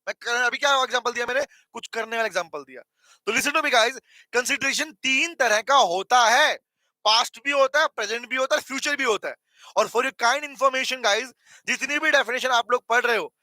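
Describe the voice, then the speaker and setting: Bright high-voiced Indian man teaching. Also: moderate pace, no echo, clean studio sound. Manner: addresses students as beta, asks for replies, repeats points; mixes English terms into Hindi. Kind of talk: online commerce law lecture.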